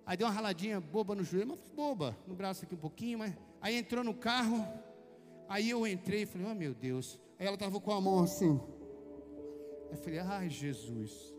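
Brazilian male preacher, unusually high voice, anecdotal and talkative, echoing church hall. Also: fairly quick. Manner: chatty storytelling, addresses listeners as brother. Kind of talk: conversational sermon with personal anecdotes. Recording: long hall reverb with faint music.

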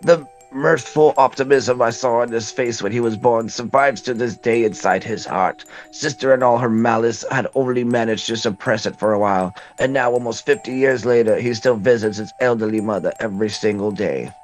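A man's voice: medium pitch, normal speed, few pauses, faint music behind, close to an everyday voice. A man putting on an old woman's storytelling voice. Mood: grim, proud. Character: elderly mother telling a dark secret.

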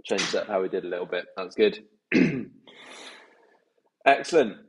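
A man's voice: deep voice, expressive, unhurried, poor audio. A man hosting a podcast, chatting casually, upbeat and teasing, laughing often. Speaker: podcast host. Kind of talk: casual chat.

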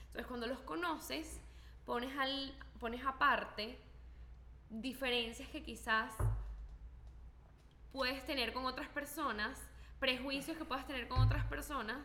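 A woman's voice: high voice, fairly even intonation, takes it slowly, bright, forceful tone, soft background music. A woman speaking as a podcast guest in casual chat, reflective and restarting phrases as she thinks. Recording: echoey room with faint noise.

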